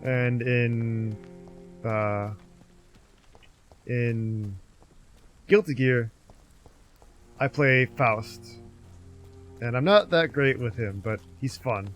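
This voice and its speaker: A man livestreaming a video game. He chats in a loose, rambling way and talks back at the game and his viewers. His voice sits at an average pitch, and faint game music plays behind him. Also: drawn-out words, long pauses. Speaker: game streamer. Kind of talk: casual live gameplay commentary.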